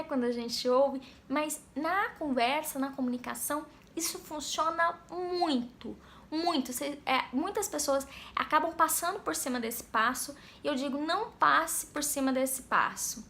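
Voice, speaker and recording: A woman's voice: sits high, measured pace, bright, forceful tone. A Brazilian woman coaching on a live stream, patiently explaining communication steps and acting out sample dialogues. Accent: Brazilian Portuguese. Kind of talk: live-stream talk answering chat.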